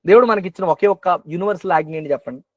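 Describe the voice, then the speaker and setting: A man's voice: high voice, racing, a little mellow, no echo, highs cut off. A man preaching a sermon at an online prayer meeting who keeps asking questions and repeating phrases for emphasis. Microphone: video call.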